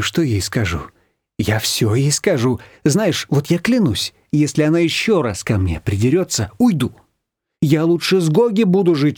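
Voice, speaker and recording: A woman's voice: sits low, darkish tone, no room sound, studio quality. A man reading an audiobook, voicing an indignant young wife venting complaints in a raised voice. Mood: resolute.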